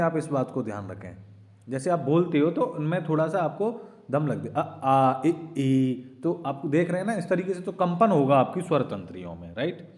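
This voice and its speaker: This exam-prep teacher has a rather high but darkish voice. He explains patiently and demonstrates vowel sounds out loud, frequently tacking on "right?" and addressing his students as children.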